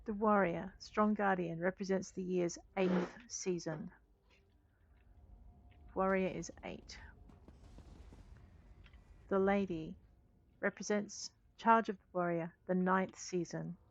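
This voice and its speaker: A woman with a fairly low voice and plenty of vocal fry comments casually on her game. She thinks aloud and reads text from the screen. Faint game ambience and noise sit behind her. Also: fairly even intonation, measured pace, dull audio. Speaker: gaming host.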